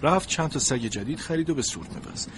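Male storybook narrator, expressive, animated pitch, noisy bed. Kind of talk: storybook narration from a sled dog's view.

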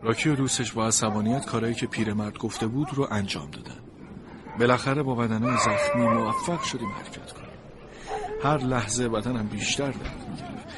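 A man narrates a storybook from a sled dog's point of view, in an expressive, plaintive way. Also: mid-range voice, very noisy.

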